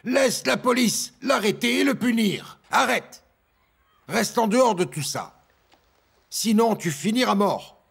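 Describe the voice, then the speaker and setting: A man's voice: high voice, animated, measured pace, creaky, fairly bright tone, breathy edge, full character voice. An actor dubbing a middle-aged father who pleads insistently with his son, repeating his commands. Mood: pleading. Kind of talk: dubbed TV drama acting.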